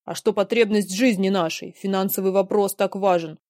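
A woman's voice: mid-range voice, fairly even intonation, moderate pace, darkish tone, no echo, clean studio sound, lightly acted. A woman voicing an old, frail, domineering father who declaims rhymed verse in a pleading, melodramatic way. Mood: reproachful. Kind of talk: dramatic verse play reading.

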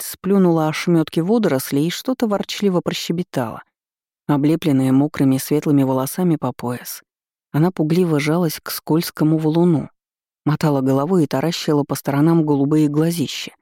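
A man narrating a fantasy novel in an even storytelling manner. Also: a little high, no room sound, studio quality. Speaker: audiobook narrator.

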